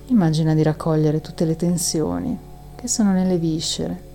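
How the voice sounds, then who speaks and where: A woman with a low voice leads a guided breathing meditation at a moderate pace, soft, soothing and calming, with long audible exhales. Faint music plays behind her.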